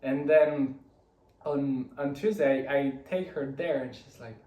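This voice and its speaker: A man's voice: mid-range voice, fairly even intonation, takes it slowly, warm tone. Young man, chatty, roomy. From Costa Rica. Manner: chatty, rambling storytelling with many restarts. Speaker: vlogger. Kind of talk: casual weekly recap monologue. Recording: roomy, from a distance.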